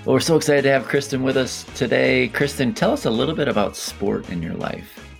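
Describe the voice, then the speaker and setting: A man's voice: mid-range voice, brisk, vocal fry, faint music behind, rough recording. A man co-hosting a podcast, opening the show and asking a guest friendly questions. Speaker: podcast co-host. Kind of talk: scripted show intro and interview questions.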